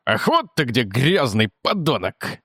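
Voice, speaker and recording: A man voicing an angry, boastful male guard who shouts and speaks with theatrical scorn. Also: mid-range voice, big pitch swings, a little slow, dry recording, studio quality, full character voice.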